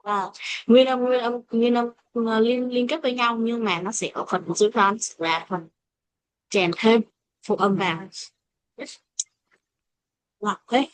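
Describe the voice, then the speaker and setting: A woman teaching an English pronunciation lesson, speaking English with a Vietnamese accent and slowing down to model example phrases. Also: on the high side, steady tone. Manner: switches between explanation and slow modeled English examples. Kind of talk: classroom lesson explaining pronunciation.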